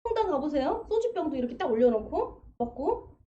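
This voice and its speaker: A woman pastor delivers a sermon in a high, mellow voice and tells stories casually, bringing in quoted voices along the way. The audio is dull, like a livestream, with a faint hiss behind it. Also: brisk. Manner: conversational, animated storytelling with acted quotes. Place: church sanctuary.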